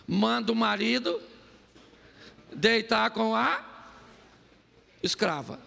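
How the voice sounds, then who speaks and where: Animated Brazilian pastor, gravelly and bright. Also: male voice, sits high, slow. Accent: Brazilian Portuguese. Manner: animated storytelling, acts out quoted voices. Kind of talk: comedic sermon. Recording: long hall reverb.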